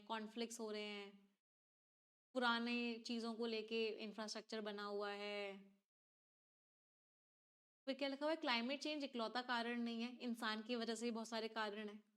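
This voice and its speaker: Woman teacher quizzing her class, higher voice. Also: a bit bright, smooth. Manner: explains step by step, asks questions to the class. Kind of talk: exam reading-comprehension lesson.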